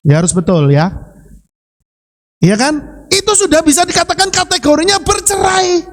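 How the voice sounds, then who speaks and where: A male pastor with a Javanese accent, preaching a sermon with rhetorical questions, sudden drops in pitch and a lively delivery. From Central Java, Indonesia.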